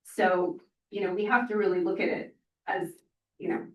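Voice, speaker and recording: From a distance in an echoey room, a woman with a mid-range voice speaks on a panel as a parent organizer. Her intonation is fairly even, her pace moderate, and the highs are cut off. She's earnest and audibly emotional, rambling with lots of fillers.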